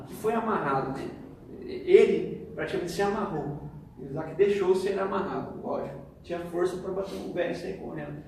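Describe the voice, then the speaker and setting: Brazilian Portuguese male preacher, high voice, far from the mic, very echoey church hall, animated storytelling. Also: slight background noise. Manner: animated storytelling, laughs while telling. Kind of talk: lively sermon with acted-out dialogue.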